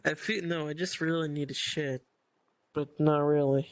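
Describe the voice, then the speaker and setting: A man's voice: on the high side, steady tone, moderate pace, no room sound. A young man on a stream chatting with a friend, joking around and pleading with him. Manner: pleading, playful insults. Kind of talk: casual stream chat.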